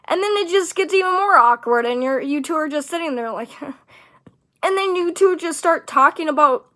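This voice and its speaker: A woman's voice: sits high, lively intonation, moderate pace, bright, forceful tone. A young woman hosting her own podcast, venting in a rambling, exasperated way, full of fillers. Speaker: podcast host. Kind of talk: casual solo podcast monologue.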